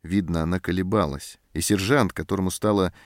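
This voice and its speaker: A man reading a story aloud in calm, measured scripted narration. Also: sits low, no room sound, studio quality. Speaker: audiobook narrator. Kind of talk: scripted narration of a war novel.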